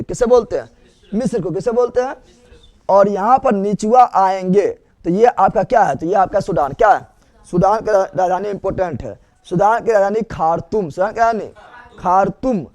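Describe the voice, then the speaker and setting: A man's voice: sits high, a little mellow. A man teaching a geography lesson, who asks a question and answers it himself, repeating each fact many times over.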